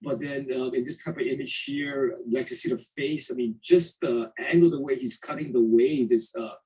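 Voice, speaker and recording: A man critiquing photographs as a competition judge, energetic and emphatic, repeating his key points. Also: mid-range voice, normal speed, breathy edge. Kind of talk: spoken critique. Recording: distant mic.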